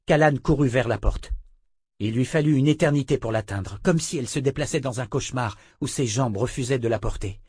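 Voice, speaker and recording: A man reading a fantasy novel aloud as audiobook narration, measured and expressive. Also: medium pitch, breathy edge, no echo, clean studio sound. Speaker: audiobook reader.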